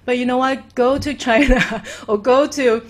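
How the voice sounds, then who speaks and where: A woman's voice: sits high, steady tone, normal speed. A middle-aged woman from Taiwan, a podcast guest talking casually and at length, full of "you know" fillers. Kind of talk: casual conversation.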